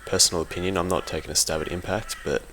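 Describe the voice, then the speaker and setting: In an audio log, a competitive gaming team member riffs casually and without a script, hesitant and informal, frequently correcting himself. He has a low voice, a steady, fairly bright tone, and a fast delivery. Slight background noise is present.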